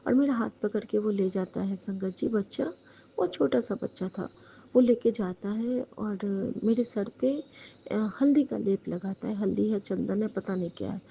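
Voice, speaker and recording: Gravelly, mellow-voiced devout woman. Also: mid-range voice, normal speed. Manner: earnest and devout, addresses listeners directly. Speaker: devotee sharing a dream with the congregation. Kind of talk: spoken testimony, retelling a dream. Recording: dull lo-fi recording with faint noise.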